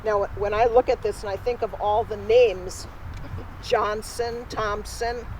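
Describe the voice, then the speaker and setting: A woman's voice: mid-range voice, fairly even intonation, unhurried, darkish tone, a little hiss or hum, lightly acted, low-quality recording. A woman playing a spirited Norwegian immigrant woman. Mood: chatty. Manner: talks straight to a live audience, friendly storytelling. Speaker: costumed re-enactor. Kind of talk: first-person historical re-enactment. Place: outdoors at a cemetery.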